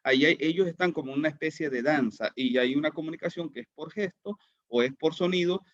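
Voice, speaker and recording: A man's voice: on the high side, fast, no room sound. Questioning man lecturing online, muffled. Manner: questioning, repeats words.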